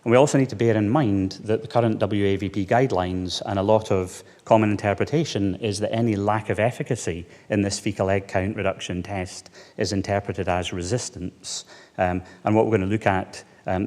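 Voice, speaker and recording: A Scottish man speaks at a lectern in a conference hall, his lowish voice trailing off into a long reverb. He talks in a measured way, with frequent pauses and fillers. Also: steady tone, a little mellow. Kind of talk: conference talk.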